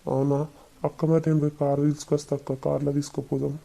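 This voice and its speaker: A woman's voice: low voice, flat delivery, quick pace, gravelly, mellow, poor audio. A woman voicing a grieving, melodramatic young man in a cartoon, speaking with a Telangana accent. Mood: soothing. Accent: Telangana Telugu. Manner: wailing, melodramatic. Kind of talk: cartoon voice acting.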